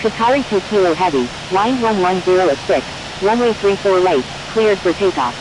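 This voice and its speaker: Brisk and natural-sounding, this woman voices a formal flight sim radio operator, delivering procedural cockpit phraseology like a controller or pilot would. The recording has a steady, clear hiss and rumble.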